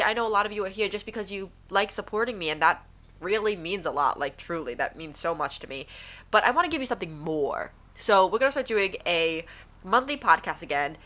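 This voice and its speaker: With a stuffy nose making her sound nasal, this podcast host talks casually from home, wandering from topic to topic. Her mid-range voice is bright with a forceful tone.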